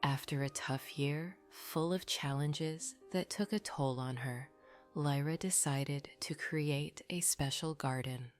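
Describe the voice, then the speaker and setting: Sleep story narrator: woman, low soft half-whisper, very unhurried, soothing bedtime delivery over music. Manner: soothing, unhurried, gently guiding listeners to rest. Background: background music.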